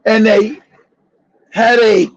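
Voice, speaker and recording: A man's voice: high-pitched, fairly even intonation, slow pace, no echo, highs cut off. A man hosting a livestream talk show, delivering fiery, profane, repetitive commentary. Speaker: show host.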